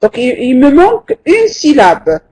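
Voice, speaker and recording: A teacher giving a live online language lesson, patient and hesitant, with frequent pauses. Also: high-pitched, wildly swooping pitch, dark tone. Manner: counts syllables aloud, slowly and deliberately. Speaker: French teacher.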